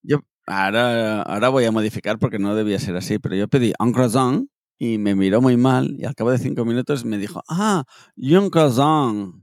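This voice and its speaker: Gravelly-voiced man telling stories. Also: fairly low pitch, quick pace, few pauses, no room sound, studio quality. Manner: storytelling, animated anecdotes. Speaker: podcast co-host. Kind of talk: casual chat.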